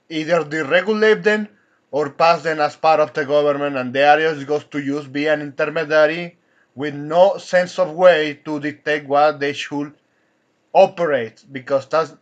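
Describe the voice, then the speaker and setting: A man hosting an angry commentary rant, indignant and swearing, with frequent halting restarts. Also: fairly high pitch, highs cut off. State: coughing from anger at times. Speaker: commentary channel host.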